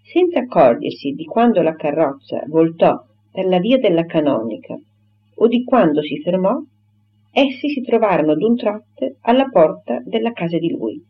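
A woman reading a classic novel aloud in a measured, literary narration. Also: mid-range voice, lively intonation. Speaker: audiobook reader. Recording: dull lo-fi recording.

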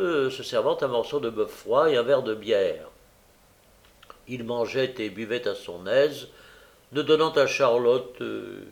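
A man narrating a classic novel as an audiobook, measured, with occasional hesitations. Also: medium pitch.

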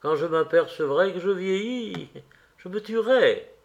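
A man's voice: sits high, animated, unhurried, lo-fi sound, pitched above the performer's own voice. A man reading a classic novel aloud, voicing an anguished, vain young man obsessed with youth, in an impassioned, pleading, theatrical manner.

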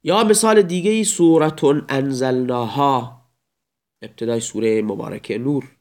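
A man's voice: mid-range voice, big pitch swings, darkish tone. A man teaching Arabic grammar in a recorded lecture, explaining step by step and reciting examples in a raised voice.

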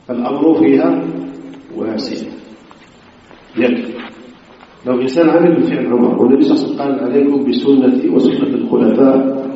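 A man from Algeria teaching a religious lesson who repeats his points, checks that his students follow, and half-chants some phrases. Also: medium pitch. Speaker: Islamic scholar teaching a class. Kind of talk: religious lesson explaining a text. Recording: echoey, distant, dull lecture-hall recording.

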